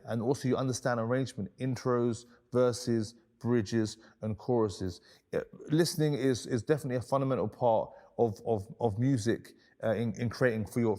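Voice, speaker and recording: A man's voice: mid-range voice, darkish tone. A man teaching beatboxing in a loose, conversational way, often repeating words as he gathers his thoughts. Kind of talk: instructional talk.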